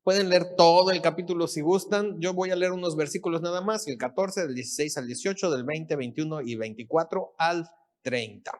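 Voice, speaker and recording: A man's voice: fairly high pitch, fairly quick. A middle-aged male pastor with a Mexican accent gives a casual, storytelling sermon. He acts out the dialogue and keeps checking in with the congregation. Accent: Mexican Spanish.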